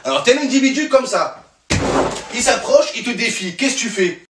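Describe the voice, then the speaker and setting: A brash, overexcited self-defense instructor, as a man plays him, barking steps in a high, pushed voice. He sounds cocky and instructive. The room is echoey. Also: expressive, moderate pace, background noise.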